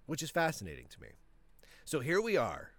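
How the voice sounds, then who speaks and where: Animated man with a throat tickle. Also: on the high side, brisk, no room sound. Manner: animated, talks with frequent restarts. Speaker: podcast host. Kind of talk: casual political commentary monologue.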